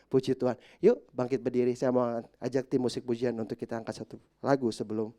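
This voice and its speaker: A male pastor preaching a sermon to a church congregation, turning from quiet, chatty asides to shouted high climaxes, asking the listeners questions and slipping into casual slang. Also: flat delivery, quick pace. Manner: addresses the congregation directly with questions; mixes in casual slang and English words. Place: church service.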